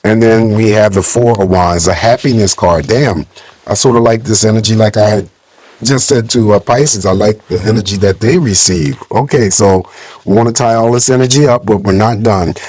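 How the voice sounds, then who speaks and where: Low-voiced man, slightly muffled with a cold. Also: moderate pace, a little mellow. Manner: informal, conversational, addressing viewers directly. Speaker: tarot reader hosting a channel. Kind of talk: casual spoken tarot reading.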